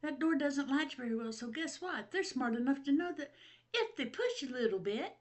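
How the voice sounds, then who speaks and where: A woman's voice: sits high, expressive, fairly quick. Chatty older woman. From Ohio. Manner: rambling, chatty, laughs often, self-mocking. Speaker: vlog host. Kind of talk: casual chat to camera. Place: at home.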